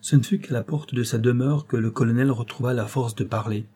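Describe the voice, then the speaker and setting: A man narrating a classic tale in a measured, expressive reading voice. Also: mid-range voice, husky. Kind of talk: scripted audiobook narration.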